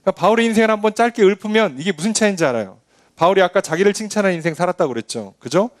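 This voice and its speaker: A man's voice: sits high, lively intonation, racing. A man preaching a Sunday sermon as pastor, acting out boastful people with scoffing clicks.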